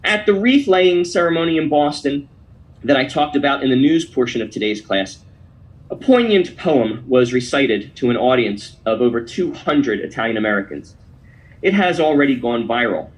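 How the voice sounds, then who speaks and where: A man's voice: mid-range voice, animated, normal speed, poor audio. Emphatic male podcast host, declaiming. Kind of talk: opinion commentary and poem reading.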